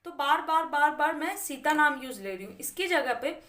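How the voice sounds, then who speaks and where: A woman's voice: high voice, animated, normal speed, fairly bright tone, reverberant. A woman teaching an English grammar lesson, explaining patiently step by step with repeated examples.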